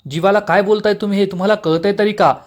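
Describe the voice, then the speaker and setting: A protective middle-aged mother pleads for her son and calms her husband, as a man reads her part. His voice stays high for a man and close to his plain tone. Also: fast talker, close to an everyday voice. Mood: pleading.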